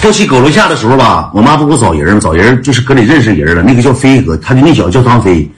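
A man's voice: medium pitch, very animated, very fast, music in the background. A man with a Northeastern Chinese accent, telling a comic story in a chatty way, laughing as he goes and calling out to his listeners.

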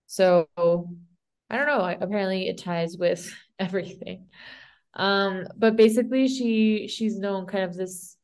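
A woman's voice: medium pitch, fairly even intonation, measured pace, darkish tone. A woman with a Spanish accent casually retelling an old myth in a rambling, unsure way, full of "like" and restarts.

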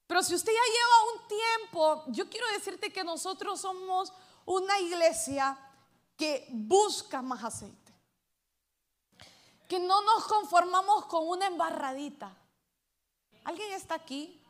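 A woman pastor, preaching a sermon to her church, swinging between loud calls to the congregation and hushed asides. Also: extremely high pitch, lively intonation, a little slow, pauses often.

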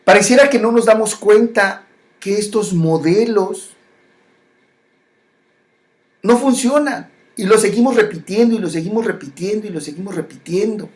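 With an animated, medium-pitched voice, the speaker gives a reflective spiritual monologue. The pace stays slow, and it's punctuated by repeated phrases and frequent pauses and restarts.

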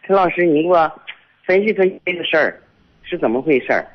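A woman's voice: sits low, animated, fast talker. An older woman, calling in to a radio show and telling a long, rambling story full of restarts and repetitions. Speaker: caller. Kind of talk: phone-in storytelling. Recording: dull phone line on radio.

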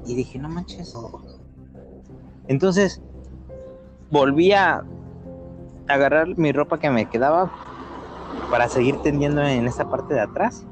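A man's voice: a little high, unhurried, long pauses, soft background music. A man with a Mexican accent telling paranormal stories in a casual chat, acting out quotes and sound effects. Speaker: storyteller guest.

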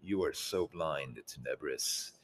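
A man voicing a vengeful, defiant male flying creature in a scornful, low tone. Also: slow, exaggerated voice.

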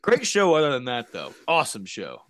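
A man's voice: mid-range voice, a little fast, dry recording, clean studio sound. A young man hosting a casual podcast chat, ranting with lots of swearing and laughter. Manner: animated, swearing, laughing rants. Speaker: podcast host.

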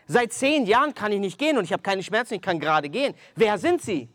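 Brief: man voicing a woman amazed at her healing, insistent, voice lifted high and swinging. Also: lively intonation, fast talker, fairly bright tone, no echo. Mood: astonished. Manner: pressing, insistent questions.

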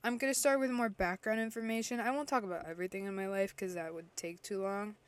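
Talking fast in a smooth, mid-range voice with fairly even intonation, a Salvadoran podcast host in her early twenties shares her own story. Her casual faith monologue is chatty and candid, full of self-corrections. There's no room sound on the recording.

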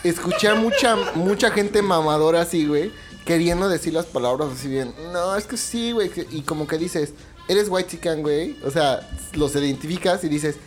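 A man's voice: on the high side, normal speed, music in the background. A man with a Mexican Spanish accent hosting a casual chat, slangy and laughing as he tells stories. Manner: laughing, slangy, animated storytelling.

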